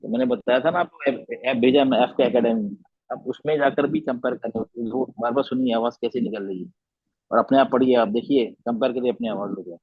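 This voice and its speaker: A man's voice: mid-range voice, fairly even intonation, brisk, slightly rough, dry recording, narrow, tinny audio. A man teaching Quran recitation in an online class, patiently repeating letter sounds and checking whether his students understood.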